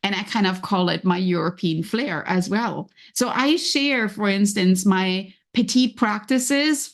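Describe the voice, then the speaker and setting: A woman with a German accent hosts a solo motivational podcast as a coach. In a mid-range voice she talks conversationally and encouragingly, often voicing her inner thoughts.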